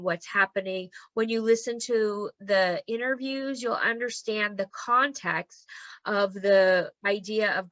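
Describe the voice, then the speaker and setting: With a medium-pitched, sharp voice worn down from losing it, a woman leads an online human design class in a chatty, encouraging style, peppering it with "okay?" The recording is muffled and has no echo.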